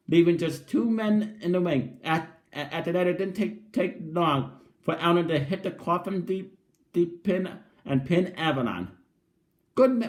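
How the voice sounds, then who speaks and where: Higher-voiced man, halting wrestling recap. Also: a little mellow. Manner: halting, repeats and restarts phrases often. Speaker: wrestling show reviewer. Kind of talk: casual spoken episode recap and review.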